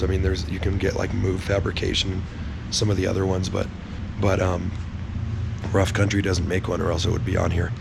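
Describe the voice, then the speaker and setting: The host of a truck build vlog, sick and nearly voiceless, talks in a hoarse, raspy, strained voice that's low and heavy with vocal fry. He explains the hands-on work bluntly and in a laid-back way, swearing freely, with clear noise in the background.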